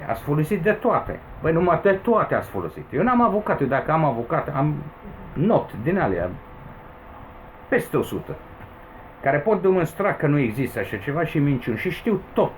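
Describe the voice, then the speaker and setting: Agitated man with lively pitch swings. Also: slight background noise, poor audio. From Romania. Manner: agitated, with emphatic high-pitched outbursts. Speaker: vlogger. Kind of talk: rambling personal complaint to camera. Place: home in the Philippines.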